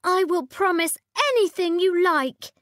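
A woman's voice: unhurried, a bit bright, no echo, clean studio sound. A woman playing a whiny spoiled princess. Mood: demanding. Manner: high, petulant, demanding.

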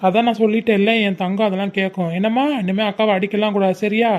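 A gentle, indulgent father in a home drama, played by a woman, talking quickly in a coaxing tone. The sound is dull and lo-fi. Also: medium pitch, steady tone, natural voice.

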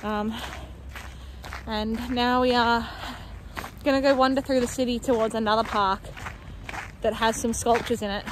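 A woman's voice: fairly high pitch, fairly even intonation, a little slow, long pauses. A young Australian woman chatting casually to a handheld camera in a snowy city, full of "like" and "um" fillers. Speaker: travel vlogger. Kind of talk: casual travel vlog chat. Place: snowy city streets and parks outdoors. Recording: outdoor street noise behind.

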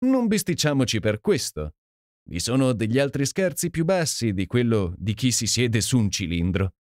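A man's voice: medium pitch, very animated, moderate pace, a little mellow, no echo, studio quality, close to an everyday voice. A man reading an audiobook and voicing a cheeky young socialist journalist with a wry, gaily mocking manner. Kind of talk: audiobook character voice.

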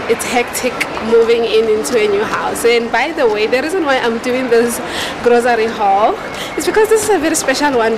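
A woman's voice: fairly high pitch, background noise. A young woman chatting casually to a handheld camera, giggling often as she talks viewers through her shopping. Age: young adult. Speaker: vlogger. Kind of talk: casual vlog chat. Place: shopping mall, then a home kitchen. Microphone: handheld camera at arm's length.

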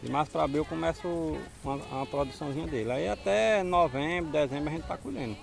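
This middle-aged farmer from Ceará talks fast in a creaky, fairly high voice, his northeastern Brazilian accent clear as he speaks plainly. He's interviewed casually outside on a farm through a furry-windscreened handheld mic, music playing behind.

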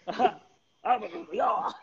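A middle-aged man with a Venezuelan Spanish accent hosting a live video interview, lively and stammering as he talks. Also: unhurried, a crowd in the background. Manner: lively, gestures a lot, stammers and repeats words. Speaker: host. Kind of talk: casual live-stream interview. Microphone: webcam on a video call. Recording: dull lo-fi video call.

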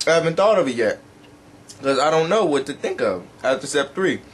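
Young man, casual vlog, rambling, talks with mouth full, slightly high voice, faint background hiss. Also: animated, a little fast. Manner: rambling, eating while talking; offhand, swears casually. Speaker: YouTuber.

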